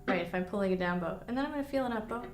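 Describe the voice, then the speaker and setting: Speaking very fast and animatedly at medium pitch over loud music, a woman demonstrates viola technique to students in a studio. She explains with vivid images and encouragement, and the room is echoey.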